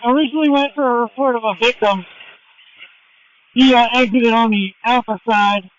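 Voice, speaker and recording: High-pitched male firefighter on radio. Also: normal speed, a bit bright, slight background noise. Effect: two-way radio. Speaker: firefighter reporting to command. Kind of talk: fireground radio report. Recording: dull, band-limited radio transmission.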